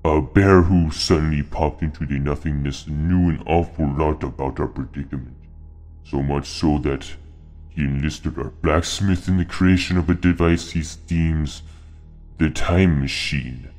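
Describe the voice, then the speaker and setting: A man voicing a scheming male bear character delivering a slow, ominous monologue for a game. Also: extremely low pitch, steady tone, a little mellow, faint music behind. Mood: grave.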